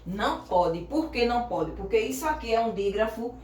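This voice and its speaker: A woman's voice: a little high, expressive, darkish tone, distant mic. Woman teaching in an echoey room. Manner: explains patiently, asks checking questions, spells letters out slowly. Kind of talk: classroom grammar lesson.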